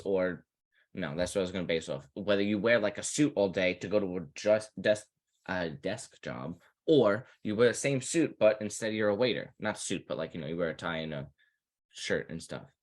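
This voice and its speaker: A man's voice: fairly low pitch, animated, moderate pace. A man, a podcast co-host, rambling through his points with many fillers in casual chat.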